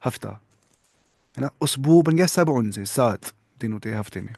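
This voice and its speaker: A man's voice: mid-range voice, animated, vocal fry, dark tone, slightly rough, dry recording, clean studio sound. Patient male language teacher quizzing students. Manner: mixes English words into explanations. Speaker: Arabic teacher. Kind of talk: classroom-style language lesson.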